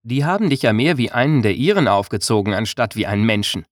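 A man's voice: medium pitch, expressive, quick pace, no room sound, clean studio sound, close to an everyday voice. A male narrator voicing a bold, playful young village woman in an audiobook. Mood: teasing. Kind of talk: audiobook character reading.

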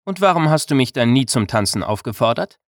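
A man's voice: medium pitch, lively intonation, fairly quick, no echo, studio quality, pitched above the performer's own voice, lightly acted. A male narrator voicing a bold, playful young village woman in an audiobook. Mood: teasing. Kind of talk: audiobook character reading.

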